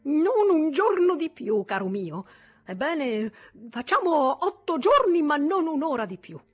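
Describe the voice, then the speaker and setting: A woman voicing a loud, mocking old male banker who keeps bursting into laughter. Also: medium pitch, lively intonation, normal speed, slightly rough.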